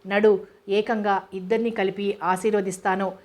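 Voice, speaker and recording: A woman's voice: mid-range voice, flat delivery, normal speed, darkish tone, lightly acted. A woman voicing a stern, protective elder sister who scolds her younger brother, read in an audiobook. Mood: soothing. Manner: scolding, exasperated. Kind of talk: audiobook character reading.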